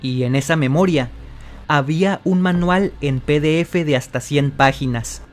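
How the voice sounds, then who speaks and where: A man with a slightly high voice narrates a mystery video from a script, speaking unhurriedly and dramatically straight to the viewer as the channel's host narrator. It's a voice-over, with faint music playing behind him.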